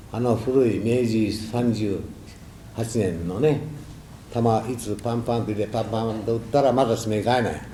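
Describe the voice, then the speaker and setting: An older man giving a reflective, halting temple talk drawn from his own memories, with folksy asides. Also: mid-range voice, dark tone. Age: 60s or older. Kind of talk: sermon with personal war recollections. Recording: echoey room, faint background noise.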